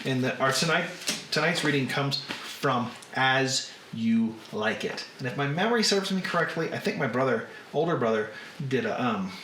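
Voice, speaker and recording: A man with a Southern US accent chatting casually to livestream viewers as host, in an unhurried drawl with drawn-out words. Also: medium pitch, expressive, sharp tone. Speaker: host of a live reading stream. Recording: roomy echo, faint background noise.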